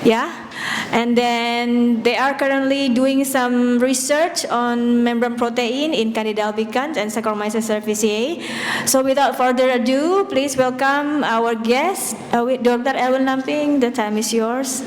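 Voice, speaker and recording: A woman's voice: on the high side, steady tone, a little slow, hardly any pauses. A woman hosting a lecture, introducing the guest informally with fillers. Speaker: host introducing a guest speaker. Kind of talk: event introduction. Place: lecture hall. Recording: echoey lecture hall, faint noise.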